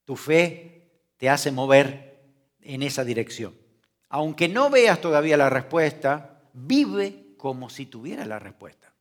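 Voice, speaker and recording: Male pastor, slightly high voice; a dynamic church sermon with soft and loud stretches and questions to the congregation. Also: very animated, a little slow. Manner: dynamic preaching, swings from soft to loud emphasis; asks the congregation rhetorical questions.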